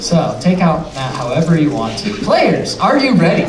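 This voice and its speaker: A man's voice: on the high side, wildly swooping pitch, moderate pace, a loud crowd. A man hosting a live comedy improv show and judging the players, picked up from a distance in an echoey room. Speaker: improv show host and judge. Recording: echoey room, distant mic, loud audience.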